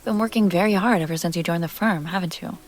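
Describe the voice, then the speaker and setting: Warm and encouraging, a woman voices a self-assured, playful vampire heiress speaking straight to the listener in an intimate roleplay audio drama. Her natural voice sits on the low side, and she talks fast.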